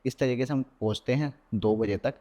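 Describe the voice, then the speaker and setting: This podcast guest, a young adult man, shares a horror story from his own life with lively energy, blending Hindi with English words. His pitch is medium, and he talks at a moderate pace.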